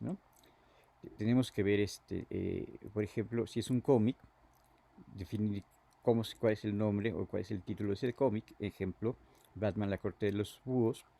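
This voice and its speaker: A man giving a lecture as a teacher, halting and repeating words, often filling pauses with "este". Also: lowish voice, vocal fry, warm tone.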